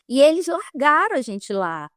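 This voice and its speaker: Middle-aged woman, Manaus accent, interview testimony; higher-pitched, dry sound, emotional and halting delivery. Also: very animated, dry recording. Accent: Northern Brazilian (Manaus). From Manaus, Brazil. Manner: emotional, halting storytelling with many restarts. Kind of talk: personal testimony.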